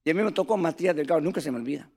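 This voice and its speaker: A man preaches a sermon in a high, gravelly voice. He tells his stories with animation and keeps calling his listeners brothers. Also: rapid-fire, darkish tone.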